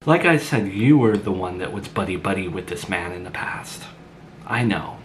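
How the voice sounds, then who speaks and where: A man's voice: deep voice, lively intonation, normal speed, slight background noise. A man voicing a blunt, sarcastic grown woman who had a child young, in an amateur drama. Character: blunt sarcastic mother, grown woman, once a teen mom.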